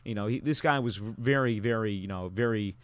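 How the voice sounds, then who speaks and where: A man's voice: fairly low pitch, fairly quick, no echo. A young man telling a long story on a podcast, rambling with lots of fillers and restarts.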